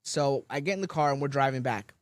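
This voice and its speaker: A young man, casually telling a story on a podcast, animated and swearing, loudly acting out quotes. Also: medium pitch, quick pace, dry recording. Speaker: podcast co-host.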